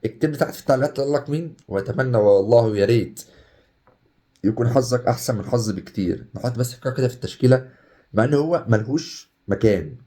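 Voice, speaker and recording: A young Egyptian man talking casually over a game, excitable and chatty, swinging between hype and groans. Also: mid-range voice, quick pace. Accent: Egyptian Arabic. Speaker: gaming YouTuber. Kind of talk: casual gameplay commentary.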